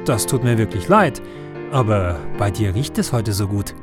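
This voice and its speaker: A man voicing a friendly village postman in a children's story, speaking loud and hearty. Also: lowish voice, expressive, moderate pace, over music, natural voice.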